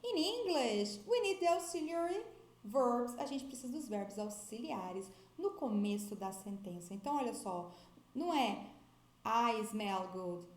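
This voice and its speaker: A fairly high-voiced Brazilian woman gives a lively English grammar lesson. She switches between English and Portuguese and slows down to stretch out her examples. Her voice rings in an echoey room. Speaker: English teacher. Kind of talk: video lesson.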